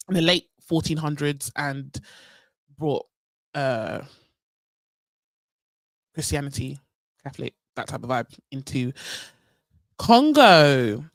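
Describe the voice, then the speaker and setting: A woman's voice: low-pitched, slow, pauses often, dry recording. A young woman from North London with a London accent, hosting a casual live history talk, chatty and full of ums and asides to her viewers. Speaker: livestream host.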